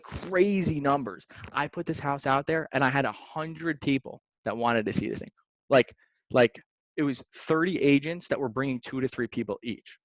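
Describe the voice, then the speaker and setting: A young man, a real estate investor, telling stories in a casual podcast chat, slangy and lively, calling people "man" and "dude". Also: mid-range voice, dry recording. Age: young adult. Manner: animated, slangy, says "man" and "dude" often. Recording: dry, slightly dull sound.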